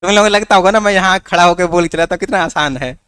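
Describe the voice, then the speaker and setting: A man's voice: sits high, very fast, pushed and bright, smooth, no room sound. A man teaching a class with a north Indian Hindi accent, coaxing students with rhetorical questions. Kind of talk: classroom lecture.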